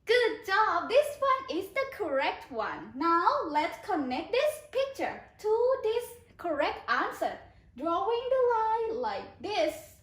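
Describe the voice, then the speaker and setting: A woman with a Thai accent teaching an online kindergarten English lesson, hoarse from losing her voice, prompting the children in a slow sing-song with repeated questions. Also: very high-pitched, big pitch swings, a bit bright. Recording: echoey room.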